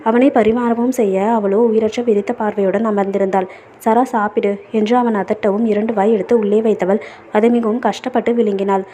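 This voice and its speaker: A woman storyteller reading a novel aloud in a steady, even narration. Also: medium pitch, brisk, a little hiss or hum.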